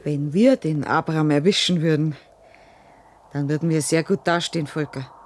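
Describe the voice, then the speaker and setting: A woman playing a calculating village widow in a radio play, speaking in a flat, plotting way. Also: low voice, moderate pace, slight background noise, natural voice. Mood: scheming. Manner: matter-of-fact, plotting.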